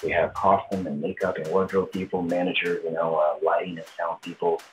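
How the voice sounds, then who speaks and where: Over music and in a low-quality recording, a low-pitched man speaks fairly quickly with little pitch movement. He is a Brazilian tribute show performer in his thirties, a Portuguese native speaker with a Brazilian accent, giving casual interview answers.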